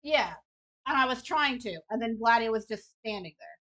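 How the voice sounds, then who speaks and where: A woman's voice: a little high, animated, normal speed, a bit bright. A woman playing a video game on stream, talking through her moves with mild frustration. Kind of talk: casual chat narrating gameplay. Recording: game music playing behind.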